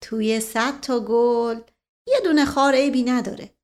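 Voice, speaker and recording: A woman's voice: fairly high pitch, darkish tone, lightly acted. A woman voicing a talkative, pious old mother who gushes fervently as she speaks. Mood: gushing. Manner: gushing, pious, chatty.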